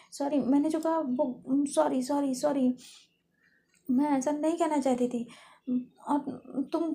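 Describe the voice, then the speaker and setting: A woman's voice: on the high side, vocal fry, dark tone. A woman voicing a jealous schoolgirl who stammers out repeated apologies. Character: jealous, remorseful schoolgirl pleading. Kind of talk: dramatic Hindi story reading.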